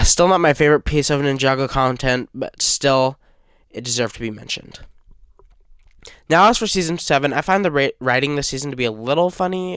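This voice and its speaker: Young male fan host, under the weather, rambles and stumbles; smooth, clear tone, dry close recording. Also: medium pitch, a bit bright, no room sound. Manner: rambling, hesitant with frequent uh fillers. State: sick, stuttering. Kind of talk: casual fan review talk.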